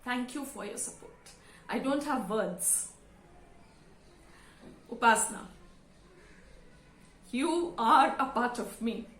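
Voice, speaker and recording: A woman's voice: a little high, a bit bright. Emotional Indian woman, around fifty. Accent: Indian English. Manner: emotional, sincere, halting with fillers. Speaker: vlogger and school teacher. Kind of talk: heartfelt thank-you speech to camera. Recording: roomy echo.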